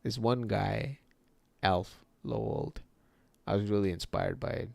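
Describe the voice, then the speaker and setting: Man, low voice, strong vocal fry, casual livestream host, rambling, answers chat, laughs a lot. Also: unhurried, no echo. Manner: relaxed, rambling, reacts to viewer chat; laughs often, swears casually.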